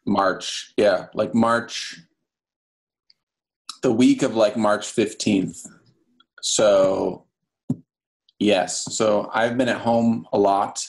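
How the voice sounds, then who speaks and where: A man's voice: lowish voice, steady tone, very slow, creaky, long pauses, poor audio. A man guest on a casual podcast, talking in an easygoing way. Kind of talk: casual chat.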